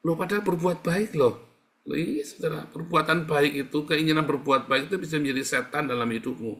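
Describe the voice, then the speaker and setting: A male pastor delivers a sermon in a casual, conversational way, posing rhetorical questions and answering them himself. His slightly high, brisk voice swings between loud emphatic peaks and quiet asides.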